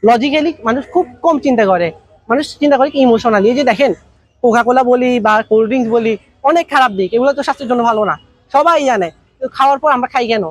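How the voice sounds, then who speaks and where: Rapid high-voiced Bangladeshi man teaching. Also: no room sound. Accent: Bangladeshi Bengali. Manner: conversational, rapid-fire rhetorical questions and everyday examples. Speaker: business trainer. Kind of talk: workshop lecture.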